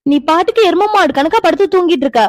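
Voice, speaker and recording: A woman voicing a bossy young woman in a cartoon who scolds and nags, sharp-tongued. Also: extremely high pitch, quick pace, dry recording, clean studio sound. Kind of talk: cartoon voice acting.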